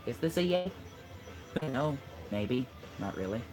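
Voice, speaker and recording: Teasing his friend and handing out tips as they play side by side, a gamer keeps up a casual let's-play chat over game music. His medium-pitched voice has lively intonation and an unhurried pace.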